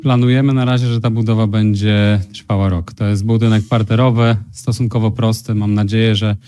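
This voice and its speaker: A man, a company president, reporting to a council at a pulpit microphone in a measured way, with frequent hesitations. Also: on the low side, little pitch movement, dark tone, smooth. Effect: speaking at a pulpit microphone. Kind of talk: formal report to a city council. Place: council chamber.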